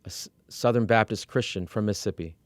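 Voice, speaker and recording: A middle-aged man from Iran, working as an executive coach, telling his life story as a guest in a candid, measured way, with fillers and restarts. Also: fairly low pitch, dry recording. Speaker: interview guest.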